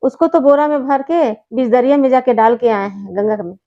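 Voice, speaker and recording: A woman's voice: a little high, moderate pace, warm tone, close to an everyday voice. A woman voicing a naive young son who pleads with his mother, in a slightly muffled recording. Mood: pleading.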